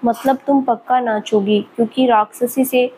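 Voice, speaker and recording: Reading from a storybook, a woman plays a mischievous young professor whose light, higher voice keeps poking fun at and laughing at her. She speaks naturally at a moderate pace, with a dark tone and fairly even intonation. The rough recording has faint background hiss underneath.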